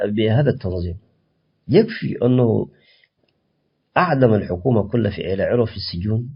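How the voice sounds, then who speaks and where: A man speaking as a political guest in a radio interview, impassioned and halting, with frequent restarts and fillers. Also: fairly low pitch, creaky, slightly rough, highs cut off.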